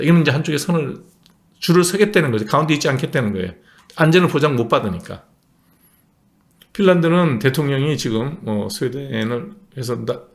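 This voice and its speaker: A man's voice: medium pitch, creaky. A man delivering a political commentary monologue, explaining points emphatically and punctuating them with short affirmations.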